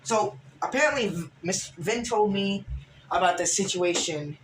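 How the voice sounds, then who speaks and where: Casual vlogger recapping drama, somewhat high pitch, trips over his words a lot. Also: lively intonation, normal speed, fairly bright tone, a little hiss or hum. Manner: rambling, lots of restarts and fillers.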